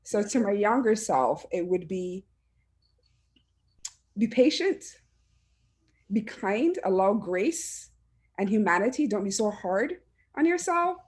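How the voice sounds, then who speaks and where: A woman's voice: medium pitch, very animated, slow pace, pauses often, darkish tone. Earnest woman on a video call. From Barbados. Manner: earnest, heartfelt, with frequent restarts. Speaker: panelist, education administrator. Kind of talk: reflective personal talk on a panel.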